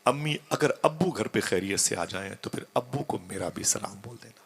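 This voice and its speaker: A dying young son pleads tearfully with his father in a low, gravelly voice, as a preacher puts him on. The voice is hushed and soft, part of a sermon story. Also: lively intonation, moderate pace, exaggerated voice. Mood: tender.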